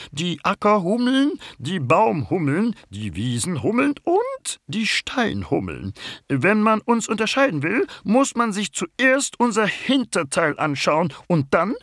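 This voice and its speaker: A man voicing a sleepy young female bumblebee queen in a children's story, in a squeaky, drawn-out voice. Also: wildly swooping pitch, a bit bright, no echo, clean studio sound, full character voice. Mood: explaining.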